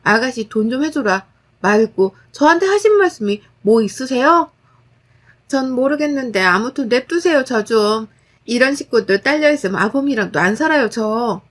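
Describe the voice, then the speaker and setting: A woman's voice: a little high, animated, moderate pace. A woman narrating a dramatized first-person story, blunt and firm in tone. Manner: blunt, firm, sharp-tongued.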